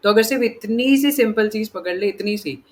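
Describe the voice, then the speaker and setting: A man's voice: sits high, fairly quick. A man giving a casual, conversational scripture class, often seeking the listeners' agreement and acting out inner voices. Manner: chatty, keeps asking "right?" for agreement; acts out inner voices in dialogue. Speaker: devotional teacher.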